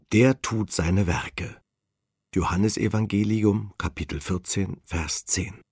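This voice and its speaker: A man giving a calm, measured reading of a spiritual text. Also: fairly low pitch, vocal fry, husky, dry recording, studio quality. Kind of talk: slow devotional reading.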